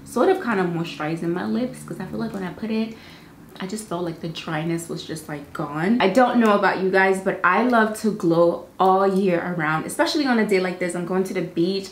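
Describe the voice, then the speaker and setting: A woman's voice: mid-range voice, slight background noise. A young woman beauty vlogger chatting casually to camera about products in her home studio. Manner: bubbly, chatty, fast asides. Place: home filming studio, indoors. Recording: roomy studio with faint ambience.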